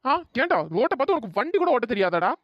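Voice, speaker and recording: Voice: medium pitch, very animated, fast talker, no room sound, highs cut off, close to an everyday voice. A performer voicing a young man who scolds and mocks his injured best friend in a cartoon story. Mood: scolding. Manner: scolding, mocking.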